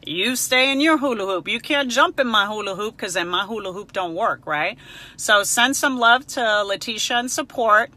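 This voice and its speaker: Her mid-range voice has lively intonation and a sharp tone, at a normal speed. This middle-aged native Spanish speaker is a live-stream counselor fielding viewers' questions, casual, chatty, personable, emphatic and frank.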